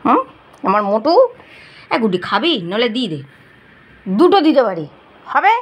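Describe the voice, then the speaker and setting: A woman filming her pet dogs, gently coaxing and scolding them in casual talk. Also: fairly high pitch, sing-song, normal speed. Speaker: pet owner vlogger.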